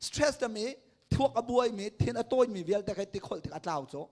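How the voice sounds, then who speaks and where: Male pastor preaching a sermon, really high voice, goes loud then hushed. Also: expressive, quick pace.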